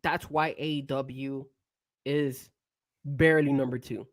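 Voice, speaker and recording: A man's voice: mid-range voice, steady tone, unhurried, no room sound, studio quality. A man co-hosting a casual wrestling talk show, ranting heatedly with cursing and rhetorical questions. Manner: rhetorical questions, laughs often. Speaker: co-host.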